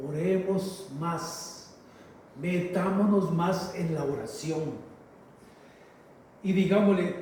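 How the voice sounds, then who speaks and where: A man preaching a sermon in a slow, emphatic way, repeating phrases and calling listeners brothers, with a heavy cathedral-like echo. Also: high-pitched, warm tone. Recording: very echoey hall, voice from far off, faint noise.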